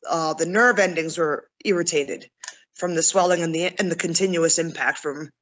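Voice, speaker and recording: A woman's voice: deep voice, moderate pace, rough recording. A young woman speaking as a guest in a casual interview, chatty and candid, laughing often and filling with "like.". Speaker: interview guest, MMA fighter.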